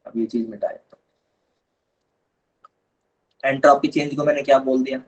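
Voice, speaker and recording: A man's voice: medium pitch, fairly even intonation, moderate pace, lo-fi sound. A man teaching a live online chemistry lesson, patiently explaining step by step and calling his students kids.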